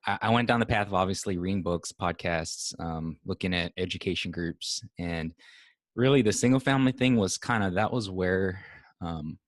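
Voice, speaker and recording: A young man from Hawaii speaking as a podcast guest, relaxed and laid-back, with a lot of filler words. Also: deep voice, moderate pace, no echo, clean studio sound. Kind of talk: casual conversation.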